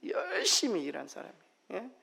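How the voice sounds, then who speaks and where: A man preaching a Sunday sermon as pastor, emphatic, moving between loud exclamations and soft near-whispers. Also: high-pitched, huge pitch swings, normal speed, gravelly, breathy edge. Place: church sanctuary. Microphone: microphone.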